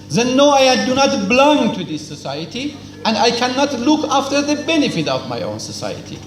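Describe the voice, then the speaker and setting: With an extremely high pitch, a man gives a formal speech in a hall at a cultural celebration, lecturing emphatically in simple non-native English. He answers his own questions and repeats points for emphasis, and the audio is echoey with faint noise.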